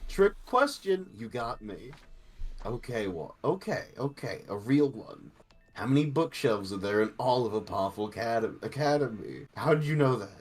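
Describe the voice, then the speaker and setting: A man's voice: medium pitch, lively intonation, moderate pace. A man speaking playfully in jokey, improvised comedic role-play and banter.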